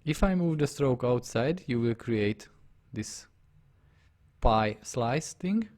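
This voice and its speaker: In a live drawing tutorial, a Hungarian-accented man who speaks Hungarian natively takes things slowly with a medium-pitched, darkish voice and lively intonation. He narrates what he does on screen step by step, frequently checking the viewer follows.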